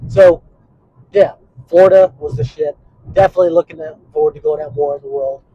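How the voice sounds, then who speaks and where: A man's voice: on the high side, fairly quick, breathy edge, dry recording, dull audio. A man vlogging in a casual, rambling monologue, swearing often and trailing into fillers. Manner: profane and rambling, with frequent fillers.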